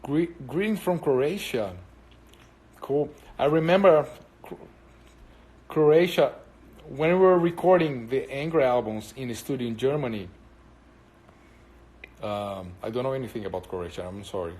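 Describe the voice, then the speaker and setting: Over poor audio, a Brazilian man speaks English in a mid-range, darkish voice with a Brazilian Portuguese accent, Portuguese being his first language. In a casual live-stream chat he answers viewers as thoughts come, rambling and pausing often with many fillers.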